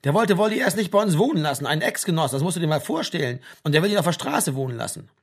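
Guy reading smug young student type, gossipy and whiny, husky voice, voice all over the place. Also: fairly high pitch, animated, rapid-fire, voice pushed up. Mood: gossipy, aggrieved. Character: scheming young male student, smug and indignant.

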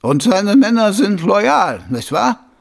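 A sly, plotting city lord, as a male reader puts him on, lifted well above the reader's own voice and louder, his words stretched out and oily. The voice keeps a gravelly, husky edge and bounces across a wide range, with an audiobook feel. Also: high voice, sing-song, takes it slowly, pitched above the performer's own voice, exaggerated voice. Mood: scheming.

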